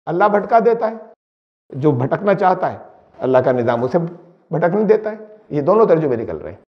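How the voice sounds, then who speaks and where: A man giving a religious lecture who recites Arabic verses and explains them, asking his listeners questions as he goes. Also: high voice. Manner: recites Arabic verses, then explains them in Urdu with English words mixed in; animated, asks the listeners questions. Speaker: Islamic preacher. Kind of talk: religious lecture on Quran translation. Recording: dull lo-fi recording.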